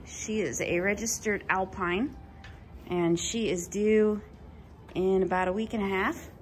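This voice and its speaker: A woman's voice: medium pitch, fairly even intonation. Woman touring her farm, easygoing. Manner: friendly, unhurried, introducing animals one by one. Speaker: farm owner giving a tour. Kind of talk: casual farm tour narration. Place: outdoors and in a barn on a small farm. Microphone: handheld phone camera.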